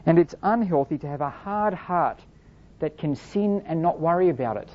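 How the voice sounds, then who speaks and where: Female preacher, lowish voice, earnest and explanatory, dull lo-fi recording. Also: animated, normal speed. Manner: earnest, explanatory, rhetorical questions. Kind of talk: sermon.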